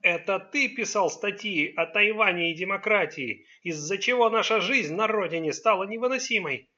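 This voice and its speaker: Defiant teenage son, sullen and resentful, bright raised voice, read by a man for a storybook. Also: sits high, lively intonation, a little fast, muffled recording, pitched above the performer's own voice. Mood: defiant shouting.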